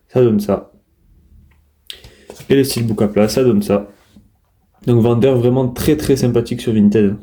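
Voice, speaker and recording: A man's voice: lowish voice, mellow. A man casually showing his disc collection in an unboxing video, talking in a chatty, hesitant way with many fillers and restarts.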